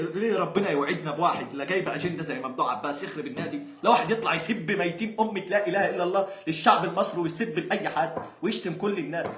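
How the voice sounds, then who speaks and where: Egyptian guy venting, super fast, sarcastic, kinda high pitched. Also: a bit bright, a little hiss or hum. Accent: Egyptian Arabic. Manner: exasperated, sarcastic, laughs mid-rant. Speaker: football fan vlogger. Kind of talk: angry ranting monologue. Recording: roomy echo.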